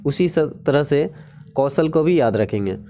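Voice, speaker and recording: A man's voice: fairly high pitch, expressive, dark tone, a little hiss or hum. A man teaching a casual exam-prep lesson, repeating key words and often checking in with the viewer. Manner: repetitive, keeps asking "ठीक है?"; drawn-out sing-song pronunciation drills.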